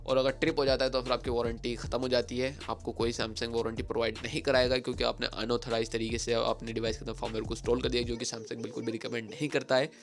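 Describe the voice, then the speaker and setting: A man's voice: mid-range voice, little pitch movement, quick pace, gravelly, hardly any pauses. Chatty man hosting a tech explainer. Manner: chatty, many fillers, mixes English phrases into Hindi. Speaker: tech channel host.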